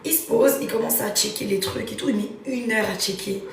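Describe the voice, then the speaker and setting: A young woman hosting a live stream, telling a story in lively, slangy casual talk. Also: medium pitch, a little fast, creaky, slight background noise. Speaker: livestream host. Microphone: phone. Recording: roomy, far from the phone mic.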